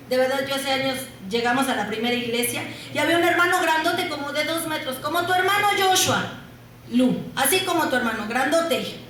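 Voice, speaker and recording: A woman preaching a sermon. She asks the congregation questions and answers them herself, and she stretches key words slowly for emphasis. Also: sits high, bright, forceful tone, a little hiss or hum. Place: church. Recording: very echoey church hall.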